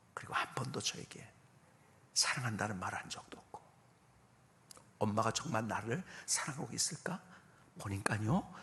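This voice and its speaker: Male pastor in his 50s telling a testimony, gravelly, bright tense voice, jumps from whispery to shouting. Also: medium pitch. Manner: swings from loud exclaiming to soft whispers; addresses congregation directly with questions. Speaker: guest pastor. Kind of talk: revival sermon, personal testimony.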